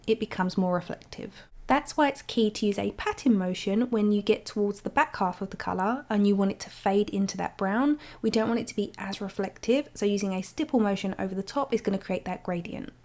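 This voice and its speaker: A woman, a little croaky from being under the weather, narrating a step-by-step makeup tutorial. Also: mid-range voice, a little fast, hardly any pauses, mellow. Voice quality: slightly croaky.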